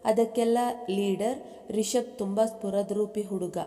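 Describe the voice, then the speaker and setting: A woman's voice: medium pitch, unhurried. A woman narrating a love story aloud, speaking the characters' quoted lines in her own voice. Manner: reads aloud at an even pace, dropping into the characters' speech for quotes. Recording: long reverb.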